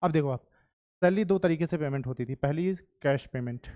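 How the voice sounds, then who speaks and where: A man with a high, light voice gives a history lecture in a classroom. He talks in a chatty way and keeps checking in with his students, switching into English phrases now and then. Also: a little fast, darkish tone, highs cut off. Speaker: history teacher.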